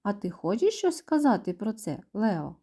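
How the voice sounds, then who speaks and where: A woman voicing a gentle, calm kindergarten teacher in a children's storybook. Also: mid-range voice, moderate pace, breathy edge. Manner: calm, inviting.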